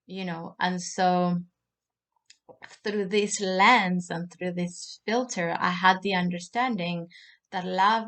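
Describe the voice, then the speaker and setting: Slow, gravelly-voiced woman from Argentina. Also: fairly low pitch. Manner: thoughtful, searching, with pauses and restarts. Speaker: love and life coach. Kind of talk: reflective personal monologue.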